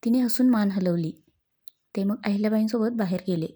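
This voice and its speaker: A woman's voice: mid-range voice, fairly quick, warm tone. A woman reading a story aloud as narrator, shifting her tone a little for the dialogue.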